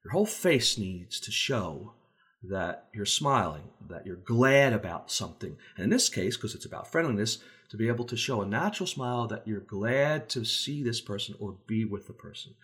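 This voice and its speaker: A man speaking as a safety trainer in a relaxed, conversational teaching talk, using everyday examples and briefly acting out voices. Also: fairly low pitch, moderate pace. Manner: acts out contrasting voices to make points.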